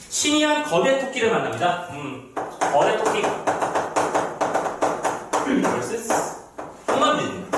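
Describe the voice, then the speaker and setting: A middle-aged man teaching a literature lecture to students, chatty and lively, reading passages aloud and acting out the characters. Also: high voice. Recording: very echoey room, mic off at a distance, faint noise.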